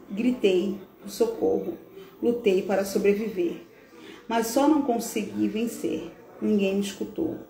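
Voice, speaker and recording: A woman with a mid-pitched voice reads a solemn text slowly, pausing between phrases. The sound is a roomy, echoey recording from a video call. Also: dark tone. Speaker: live show host. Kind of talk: solemn reading of a tribute text.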